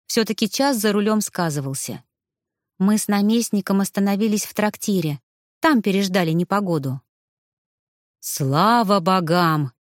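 Woman reading an audiobook, first person, dead dry studio sound, even pace. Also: medium pitch, moderate pace, no room sound. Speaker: audiobook narrator. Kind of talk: first-person fiction narration.

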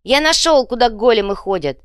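Figure: a crude, scrappy goblin-like fighter, always hungry and whining, voiced by a woman. He yells and squeals in a high, lively pitch that swings all over. A dry, clear studio audiobook sound. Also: a little fast, dry recording, close to an everyday voice. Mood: hungry, shouty. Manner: crude, yelling, whiny.

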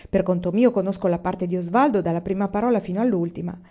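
A woman's voice: fairly low pitch, quick pace, mellow, natural voice. A woman reading the part of a down-and-out male tragic actor, humble and theatrical, in a lo-fi recording.

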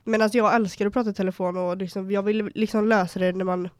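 A woman's voice: mid-range voice, steady tone, a little mellow, no room sound. A young woman co-hosting a podcast, talking a lot, swearing freely and acting out arguments with sudden outbursts. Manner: talkative, swears a lot, acts out quarrels with rising outbursts. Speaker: podcast co-host. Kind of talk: casual chat.

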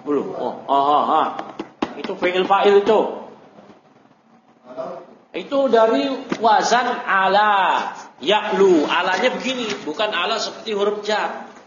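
A high-voiced man leads a classroom lecture on Arabic grammar, spelling out each term and then quizzing his students. He works through the material step by step. The recording is roomy and dull, with a faint hiss underneath. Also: lively intonation, measured pace, long pauses. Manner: explains step by step, repeats terms, quizzes students. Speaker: Islamic teacher.

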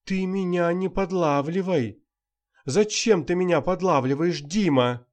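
A man's voice: high-pitched, a little slow, darkish tone, pitched above the performer's own voice. A man voicing a frightened young actress who pleads breathlessly, near tears. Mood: indignant.

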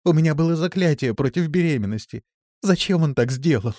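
A man's voice: a little high, animated, brisk, dark tone, dry recording, clean studio sound, voice pushed up, close to an everyday voice. A man voicing a despairing young female elf noble in an audiobook, with a trembling delivery. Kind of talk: audiobook character voice.

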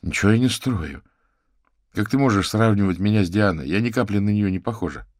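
Man doing a lively older sister, teasing, outspoken, raised voice, brisk banter, dry close sound. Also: fairly low pitch, dry recording, pitched above the performer's own voice, lightly acted. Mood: indignant. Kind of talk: audiobook character reading.

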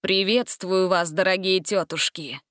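A man's voice: sits high, fairly even intonation, unhurried, sharp tone, no echo, clean studio sound. Woman reader doing a scheming hooded male wizard for a storybook, ringing spell calls. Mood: commanding. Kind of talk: storybook reading.

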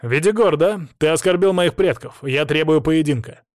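A man's voice: fairly high pitch, normal speed, no room sound, clean studio sound, pitched above the performer's own voice, lightly acted. A man voicing a defiant, sardonic young outcast hero in an audiobook. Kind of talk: audiobook character acting.

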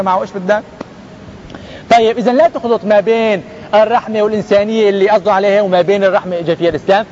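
A man giving a colloquial religious lesson to young people, lively and acting out the people he quotes. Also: muffled recording, a little hiss or hum. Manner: animated, mimics people in quoted lines with jumps in pitch. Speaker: preacher.

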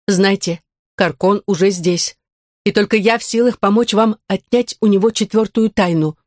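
A woman's voice: mid-range voice, normal speed, darkish tone, no echo, studio quality, natural voice. A woman voicing an earnest female android who urgently begs to be trusted. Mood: pleading.

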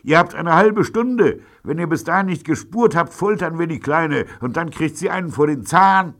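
A man's voice: on the high side, lively intonation, normal speed, a bit bright, pitched above the performer's own voice. A man voicing a gangster who threatens through a megaphone, using brash street slang. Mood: threatening.

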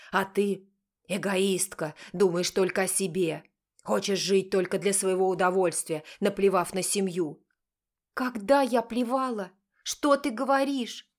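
A woman's voice: medium pitch, steady tone, unhurried. A woman voicing a stern, bitter middle-aged father in an audiobook, speaking in curt, accusing bursts. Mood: furious. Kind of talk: audiobook character voice.

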